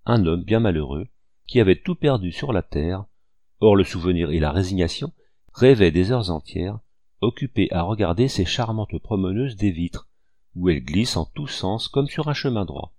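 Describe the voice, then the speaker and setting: A man reads an old storybook aloud, measured and expressive. His voice sits low with a gravelly edge, and the recording is dry and close. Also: no room sound. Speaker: audiobook reader. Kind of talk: storybook reading.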